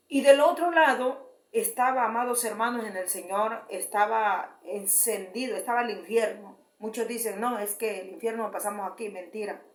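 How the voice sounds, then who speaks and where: A woman giving a fervent testimony sermon, often repeating her address to the congregation and restarting phrases. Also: fairly high pitch. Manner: repeats "beloved brethren", halting restarts. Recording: roomy echo.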